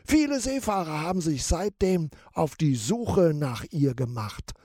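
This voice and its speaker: A man voicing a loud, boastful male pirate captain in a storybook, booming and blustering. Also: expressive, unhurried, dry recording, clean studio sound. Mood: dramatic.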